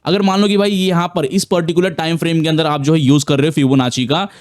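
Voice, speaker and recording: A man's voice: a little high, fairly even intonation, fast talker, dry recording, studio quality. A man giving a casual, repetitive screen-share trading tutorial, full of fillers and restarts. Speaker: trading educator.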